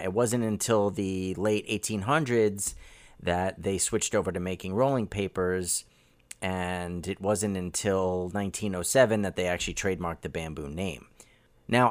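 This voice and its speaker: A man hosting an interview, laying out background and asking measured follow-up questions. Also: low-pitched, no room sound. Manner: measured, reads notes and asks follow-up questions. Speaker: podcast host.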